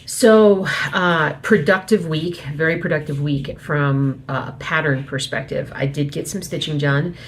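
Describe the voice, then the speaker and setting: Casting: woman vlog host, low pitch, hushed late-evening delivery, informal and rambling, some background noise. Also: unhurried, few pauses. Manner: speaking quietly at night so as not to wake someone; rambling, informal, self-correcting. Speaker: host of a weekly cross stitch video update. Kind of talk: casual chat. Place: small home office.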